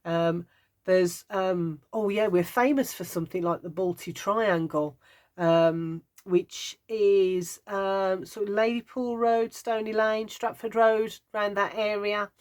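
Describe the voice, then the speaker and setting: A woman's voice: medium pitch, steady tone, slow pace, darkish tone. Chatty Brummie woman in her fifties. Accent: Birmingham (Brummie). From Birmingham, England. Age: 50s. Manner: chatty, meandering, wry humour. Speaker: craft vlogger. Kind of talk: casual chat.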